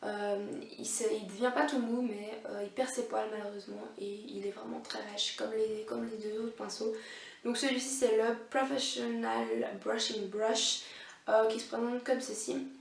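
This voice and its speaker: A woman's voice: on the high side, fairly even intonation, normal speed, creaky. Hesitant young woman in an echoey room. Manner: hesitant, many fillers and restarts. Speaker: beauty vlogger. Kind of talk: casual product review. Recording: echoey room, voice a bit far from mic.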